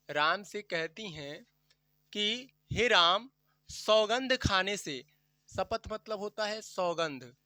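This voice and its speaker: Here a man whose voice is high and very bright explains a poem to a class one line at a time, stretching out the verse in slow recitation. Again and again he asks a question, then supplies the answer. No room echo is heard; the sound is close and dry.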